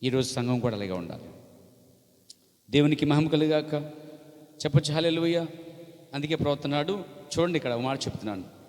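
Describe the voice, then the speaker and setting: A male pastor preaches with force, driving his points home and climbing to shouted peaks. His voice sits fairly high for a man. It rings with a long reverb in a church hall. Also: expressive, brisk, long pauses. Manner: emphatic preaching, rising to shouts on key phrases. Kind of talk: sermon.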